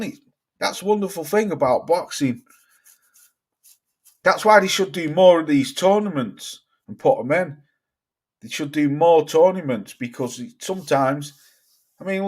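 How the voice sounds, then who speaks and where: A man's voice: on the high side, a little mellow. A man hosting a casual boxing livestream, reading viewer comments aloud and swearing freely as he chats. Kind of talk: casual live-chat commentary.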